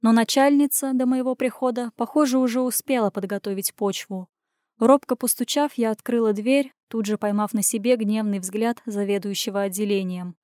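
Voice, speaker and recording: A woman reading a tense first-person story aloud, expressive and acting out the dialogue. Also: a little high, moderate pace, dry recording, studio quality.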